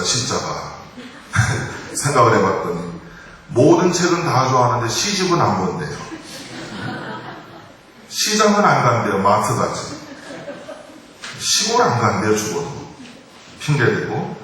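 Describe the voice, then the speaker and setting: Brief: male pastor, folksy humorous sermon, low voice, distant mic in a very reverberant hall. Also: big pitch swings, moderate pace, long pauses, a bit bright. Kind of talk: sermon with storytelling. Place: church sanctuary. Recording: echoey church hall from far off.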